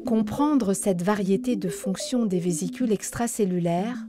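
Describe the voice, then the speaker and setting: A woman narrating a podcast in a measured, even scripted delivery. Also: medium pitch. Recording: narration over background music.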